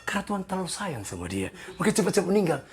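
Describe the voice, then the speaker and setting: A pastor in his sixties preaching a sermon, animated and joking with the congregation, with a gravelly, husky voice. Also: high-pitched, rapid-fire. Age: 60s. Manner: animated, jokes with the congregation, voices people in quoted asides.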